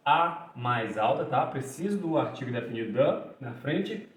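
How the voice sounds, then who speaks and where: A man's voice: medium pitch, lively intonation. Man teaching grammar in a roomy echo. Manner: ends phrases with a questioning "tá?"; slows to spell out and repeat examples. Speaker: English teacher. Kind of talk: explaining grammar in Portuguese.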